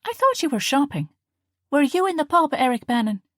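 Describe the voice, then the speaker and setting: A woman reading the part of a young female student and caring older sister in an audiobook, earnest and expressive. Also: mid-range voice, normal speed, no room sound, clean studio sound, voice pushed up, natural voice. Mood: teasing.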